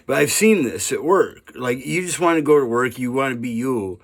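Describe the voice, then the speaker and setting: A man's voice: mid-range voice, animated, normal speed. A man in his fifties talking earnestly in a rambling monologue, often asking "right?" and chuckling now and then. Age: 50s. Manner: rambling and earnest, with frequent "right?" and "you know". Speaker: vlogger. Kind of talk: casual monologue to camera.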